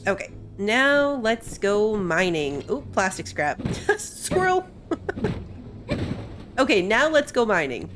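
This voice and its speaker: A woman hosts a gaming video, chatting casually and thinking aloud as she plays, with faint game music behind her. Her mid-range voice is fairly bright and very animated, yet she takes it slowly. There's slight background noise.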